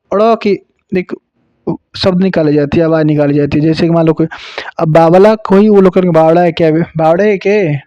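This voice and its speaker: Male tutor from Uttar Pradesh, exam-prep lesson, patient and joking, mellow tone, dry close sound. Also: a little high, no room sound, highs cut off. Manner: explains slowly, repeats sounds, adds jokes. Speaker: teacher.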